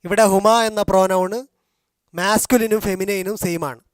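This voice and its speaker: A man teaching a language class, slowly repeating and drilling grammar forms, with a Malayali accent. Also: high voice, steady tone, clear, resonant tone, dry recording, studio quality. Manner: slow, drilling repetition of forms. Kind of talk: explaining grammar in a video class.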